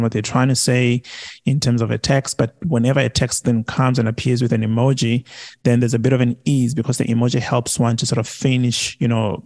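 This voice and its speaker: A man hosting an interview, asking slow, measured questions with "you know" fillers. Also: mid-range voice, vocal fry, a little mellow. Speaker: host. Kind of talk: interview conversation.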